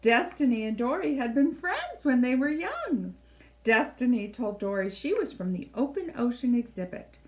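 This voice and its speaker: Reading from a children's storybook like a librarian at story time, this woman uses a fairly high voice that is very animated and a little mellow. She phrases things deliberately and reads with plenty of expression.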